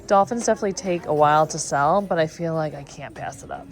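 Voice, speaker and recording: Low-voiced woman losing her voice. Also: quick pace. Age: young adult to middle-aged. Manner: chatty, enthusiastic about finds. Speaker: vintage reseller and vlogger. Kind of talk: casual thrift vlog narration. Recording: music playing behind the voice.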